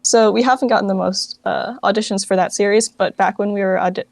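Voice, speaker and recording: A creaky, darkish, medium-pitched voice comes through a dry recording, steady in tone and a little fast. The woman, an interview guest who started a fan dub project, talks informally and uncertainly, with "like" and other fillers everywhere.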